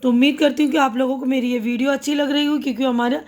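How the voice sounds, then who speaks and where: A woman's voice: sits high, fairly even intonation, a little mellow. A woman teacher with an Indian Urdu accent explaining a textbook chapter, patiently repeating words for her pupils and slipping in English terms.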